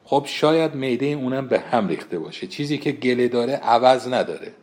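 A man's voice: mid-range voice, lively intonation, darkish tone, close to an everyday voice. A man reading aloud and voicing a touchy young woman who retorts indignantly.

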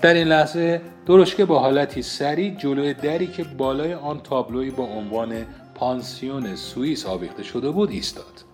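A male radio host reads a novel aloud in a measured, expressive manner. His voice sits at a middle pitch, and faint music runs underneath the narration. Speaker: host and reader. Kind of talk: book reading.

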